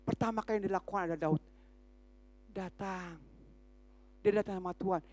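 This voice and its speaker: A woman with an Indonesian accent preaching a sermon, emphatic, swinging from shouts down to hushed, slow lines. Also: medium pitch, fairly even intonation.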